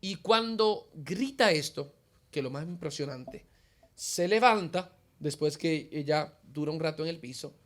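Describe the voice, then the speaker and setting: A man's voice: fairly high pitch, animated, a little slow. A man giving a personal faith testimony in an interview, telling his story vividly and acting out the dialogue he quotes.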